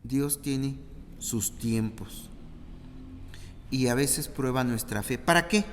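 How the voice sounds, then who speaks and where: A man's voice: mid-range voice, slow pace, slight background noise. A man with a Mexican Spanish accent preaching a sermon in a church, acting out the voices of Bible figures as he tells them. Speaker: pastor. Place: church hall. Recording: reverberant church hall.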